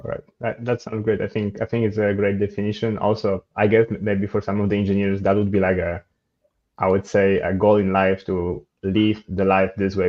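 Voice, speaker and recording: Male co-host, monotone, low, hesitant, muffled lo-fi sound. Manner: repeats words, hesitant phrasing. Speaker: podcast co-host. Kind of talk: casual podcast conversation. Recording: dull lo-fi audio.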